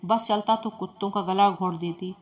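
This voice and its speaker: A woman storyteller reading a classic short story aloud in steady storybook narration. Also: medium pitch, normal speed.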